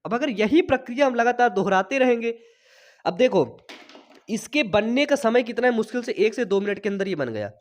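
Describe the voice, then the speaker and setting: A man's voice: extremely high pitch, animated, moderate pace. A young man teaching a biology lesson for board exams, chatty, quizzing students and answering himself, with a cold that keeps him coughing.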